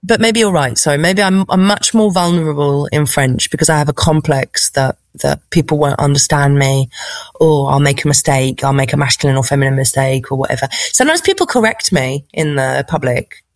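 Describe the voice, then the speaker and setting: Her low voice is animated and a little fast in this dry recording. She is an English stand-up comedian with a posh RP accent, answering interview questions conversationally; she thinks aloud, sounding reflective and hesitant as she searches for words.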